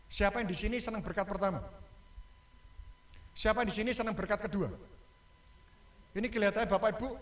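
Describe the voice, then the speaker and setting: A male pastor, preaching a lively sermon and joking with the congregation and asking them questions. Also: high voice. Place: church. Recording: echoey church hall.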